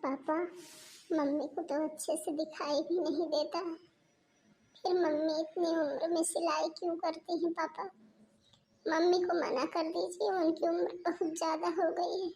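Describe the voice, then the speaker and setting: A woman voicing young daughter-in-law Kajal, high and pleading. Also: little pitch movement, unhurried, a little mellow, a little hiss or hum, low-quality recording. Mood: sad. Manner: pleading, tearful. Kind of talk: cartoon story voice acting.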